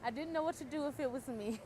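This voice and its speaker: A young woman giving a personal testimonial as a stroke survivor, speaking in a slightly halting way with restarts. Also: sits high, noisy background.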